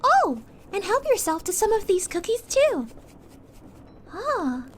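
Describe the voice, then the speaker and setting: A woman voicing a sweet, caring young princess in a calming roleplay, speaking to a friend in a gentle, reassuring, chatty way. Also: extremely high pitch, slow, slight background noise, heavily acted. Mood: soothing, encouraging. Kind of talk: calming ASMR audio roleplay.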